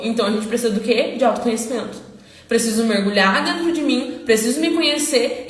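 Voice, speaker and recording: Animated woman, high voice. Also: reverberant. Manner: animated, answers imagined questions from her audience. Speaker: live-stream host. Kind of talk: casual motivational live talk.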